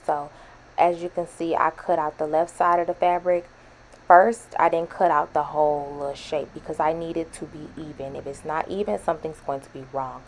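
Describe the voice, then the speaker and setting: Wearing a retainer that slightly slurs her words, a woman hosts a sewing vlog with a chatty, informal voice-over tutorial, addressing viewers as y'all. Her voice is low-pitched, and the low-quality recording carries slight background noise.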